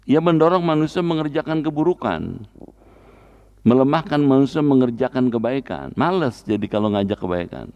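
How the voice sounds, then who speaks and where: A man's voice: mid-range voice, lively intonation. A man preaching a Quran study sermon in a mosque, talking colloquially and putting rhetorical questions to the congregation. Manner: spells out recitation slowly and deliberately. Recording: dull lo-fi recording.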